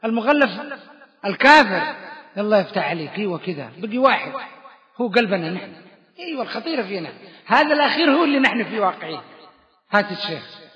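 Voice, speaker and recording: A man teaching Quran exegesis to a study circle, firing quick questions at his students and praising their answers briskly. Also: high-pitched, big pitch swings. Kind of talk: classroom question-and-answer lesson. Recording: dull reverberant lo-fi hall recording.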